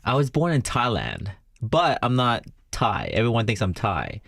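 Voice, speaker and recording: A man's voice: mid-range voice, wildly swooping pitch, moderate pace, vocal fry, fairly bright tone. A young man from the United States, a guest film director, talking in a laid-back, easy-laughing way. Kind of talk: casual interview.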